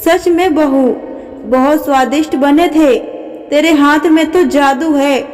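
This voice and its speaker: Woman voicing a reproving elderly aunt-in-law, high, echoing. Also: fairly even intonation, measured pace, darkish tone. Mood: kindly. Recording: long reverb.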